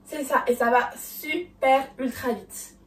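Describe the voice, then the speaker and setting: A woman's voice: high voice, fairly even intonation, takes it slowly, far from the mic. A woman teaching a dance routine, counting beats and calling out moves, a little out of breath. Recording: roomy sound from away from the mic.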